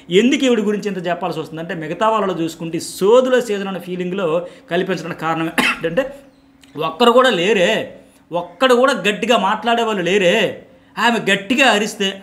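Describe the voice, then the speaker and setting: Fast, emphatic male commentator. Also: sits high, a bit bright. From Telugu states, India. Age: middle-aged. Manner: emphatic, rhetorical and repetitive. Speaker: journalist commentator. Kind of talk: opinionated solo commentary.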